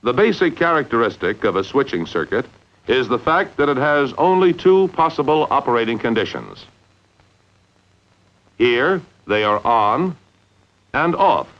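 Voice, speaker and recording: On a slightly muffled vintage film soundtrack, a narrator gives 1950s-style scripted instructions. Each phrase is carefully measured, key words get deliberate emphasis, and his mid-range pitch carries lively, animated intonation.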